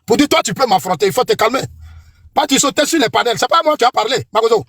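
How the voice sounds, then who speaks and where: A man's voice: extremely high pitch, lively intonation, fast talker, fairly bright tone, slightly rough, dry recording, clean studio sound. A middle-aged man with an Ivorian French accent, delivering a combative, accusing political tirade that repeats lines for emphasis. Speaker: political commentator.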